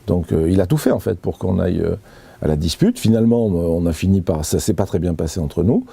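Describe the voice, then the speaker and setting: A man's voice: sits low, expressive, fairly quick, vocal fry, warm tone, breathy edge, no room sound. A man being interviewed, giving an earnest personal account with many hesitations and restarts. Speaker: interview guest.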